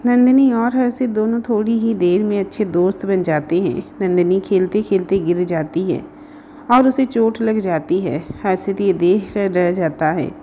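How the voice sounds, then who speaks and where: A woman narrates a scripted story in a steady, even reading voice. Her tone is mellow and dark, and a faint noise runs beneath it. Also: mid-range voice, moderate pace.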